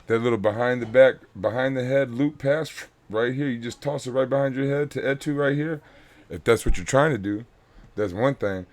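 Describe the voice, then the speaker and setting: A youth basketball coach with a medium-pitched voice walks his team through game footage at a moderate pace. His delivery is direct and teaching-focused, and he keeps repeating the main lessons.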